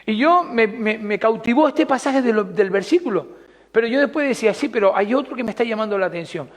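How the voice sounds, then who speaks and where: A man's voice: sits high, animated, fairly quick, long reverb tail. A man preaching a sermon, conversational and putting questions to the congregation.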